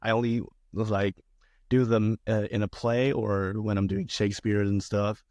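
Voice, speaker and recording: A young man from China, a theater student guest on a podcast, telling his story in an earnest, halting way. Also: on the low side, flat delivery, darkish tone, dry recording, studio quality. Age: young adult. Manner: halting, many fillers and restarts, earnest. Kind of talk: casual podcast interview.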